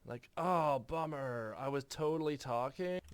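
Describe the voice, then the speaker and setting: A laid-back young skater surfer dude, put on by a man, drawling through slang and "like" fillers. His pitch sits in an ordinary middle range. He sounds relaxed and unbothered. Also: measured pace, smooth, lightly acted. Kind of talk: comedic put-on voice in a screen recording.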